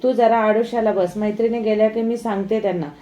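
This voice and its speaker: A woman's voice: a little high, fairly even intonation, fairly quick, warm tone, close to an everyday voice. A woman voicing a young palace maidservant who questions and frets in a storybook tale. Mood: worried. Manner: questioning, flustered. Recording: echoey room, faint music.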